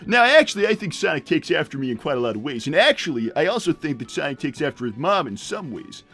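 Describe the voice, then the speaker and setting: A man performs a heavily acted take on a short, crude cartoon hedgehog father during improvised livestream banter, sounding casual and smug. The voice sits a little high with very lively pitch, halting and repetitive as he overshares matter-of-factly over faint background music.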